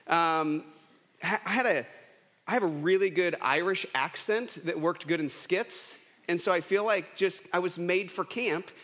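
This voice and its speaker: In a church sanctuary full of long reverb, a pastor in his thirties delivers a relaxed, story-driven sermon, chatty and self-deprecating, restarting himself a lot. His voice is high-pitched, somewhat bright, and a little slow.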